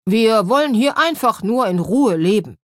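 A woman voicing a loud, booming old male ghost admiral in an audiobook story. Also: animated, moderate pace, no echo, studio quality, lightly acted.

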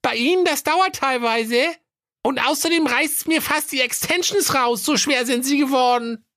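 Woman playing a cheeky fairy-tale maiden, sassy, mocking, high pitch, bright tone. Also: normal speed, dry recording, studio quality.

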